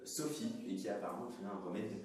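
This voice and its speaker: Man as a fast, hesitant field reporter. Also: on the low side, expressive, darkish tone, natural voice. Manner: hesitant, polite. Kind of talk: news report parody. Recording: echoey room, distant mic, faint noise.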